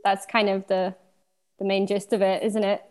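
A woman from Slovenia in her thirties, a DJ guest talking in a relaxed, thoughtful way, with many pauses and easy laughs. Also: medium pitch, clear, resonant tone. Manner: thoughtful, hesitant, laughs easily. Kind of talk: casual interview chat.

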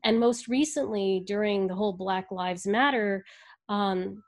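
A woman speaking as an interview guest, earnest and reflective, talking in halting bursts as she thinks things through. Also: medium pitch. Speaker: guest speaking about the ad industry. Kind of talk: candid interview conversation.

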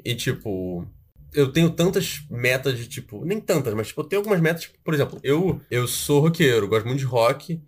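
A man's voice: medium pitch, animated, brisk, breathy edge. A young man with a Brazilian Portuguese accent chatting casually with friends, slangy and self-deprecating. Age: young adult. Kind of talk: casual chat among friends.

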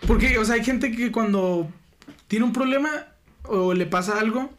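A man's voice: high voice, moderate pace. A man with a Mexican accent chatting casually in an easygoing, joking way. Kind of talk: casual podcast chat.

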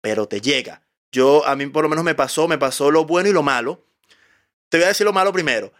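Venezuelan guy on a podcast, kinda high voice, animated storyteller, speeds up and slows down a lot. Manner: animated storytelling, quick shifts in pace. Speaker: guest comedian. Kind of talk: casual podcast conversation.

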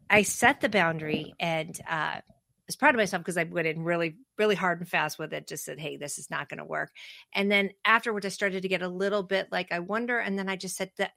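Chatty gravel-toned woman podcast host. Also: lowish voice, bright, forceful tone, no echo, clean studio sound. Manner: chatty, laughs often, playful. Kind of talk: casual chat.

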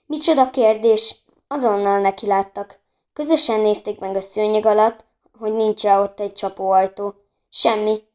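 A woman reading a children's book aloud, voicing the children a little higher and brighter, with occasional slips and restarts. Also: fairly even intonation. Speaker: storybook reader.

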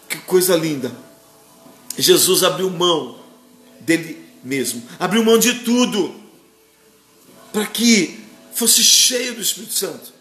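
A Brazilian preacher leads a live-streamed sermon in a very high, bright voice, fervent and emotional. He sounds like he is in an echoey room, with faint music playing behind him. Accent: Brazilian Portuguese. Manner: fervent, emotional, greets viewers by name.

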